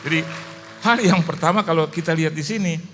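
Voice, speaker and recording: A man's voice: on the high side, fast talker, a faint crowd. An older male pastor preaching in a storytelling way, acting out the voices of people in his anecdotes. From Indonesia. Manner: animated, acts out voices of people in his stories. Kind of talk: storytelling sermon. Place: church hall. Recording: live church recording with long reverb and faint music.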